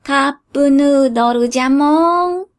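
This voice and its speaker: A woman voicing a shady, lanky middle-aged male genie from a cup of noodles, speaking in a slow, old-fashioned, folksy drawl. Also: high-pitched. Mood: sly. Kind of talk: storybook character voice.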